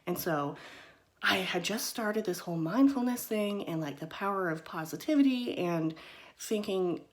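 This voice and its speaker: A woman's voice: mid-range voice, lively intonation, moderate pace. A woman hosting a mindfulness talk in a casual teaching style, chatty and loose, often checking in with her listeners. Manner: conversational, often checks in with "right?" and "okay?"; loose and chatty, with frequent "kind of" and "you know".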